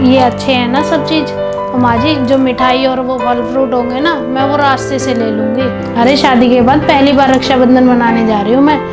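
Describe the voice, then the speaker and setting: A woman's voice: high-pitched, natural voice. A woman playing a young, newly married daughter-in-law in a family drama. She talks to her mother-in-law in an earnest, chatty way. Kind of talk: scripted home video family drama. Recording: background music under dialogue.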